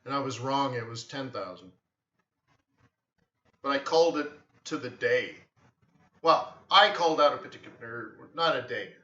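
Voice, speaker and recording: A man's voice: medium pitch, moderate pace, pauses often, muffled recording. Rambling man, roomy distant sound. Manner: rambling, storytelling, animated with acted quotes. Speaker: forex trading livestream host. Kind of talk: casual live-stream chat.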